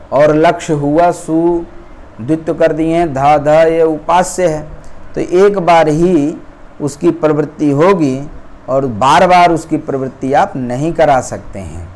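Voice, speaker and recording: A man's voice: fairly high pitch, darkish tone. A man teaching Sanskrit grammar, explaining rules step by step and often checking that students follow. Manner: slow, deliberate, checks understanding often.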